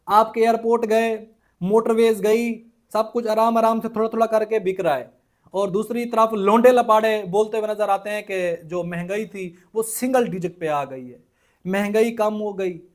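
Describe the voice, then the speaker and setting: A man from Punjab, Pakistan, giving indignant political commentary in a vlog, asking rhetorical questions and often pausing with hesitations. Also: sits high. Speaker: political vlogger.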